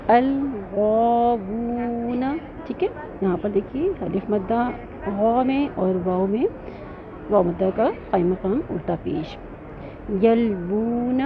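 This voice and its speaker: A woman teaching Quran recitation in a patient, step-by-step way, often checking in with her students and drawing out model syllables slowly. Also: mid-range voice, mellow, breathy edge. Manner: patient, repeats "ٹھیک ہے نا" often, slow drawn-out model syllables. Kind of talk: recorded tajweed lesson.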